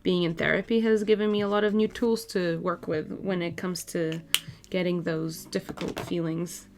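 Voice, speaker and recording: A woman's voice: on the low side, steady tone, normal speed, a little mellow. A woman in her twenties, from Portugal, chatting casually with viewers on a live stream while she draws, laughing easily as she answers messages. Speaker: art streamer.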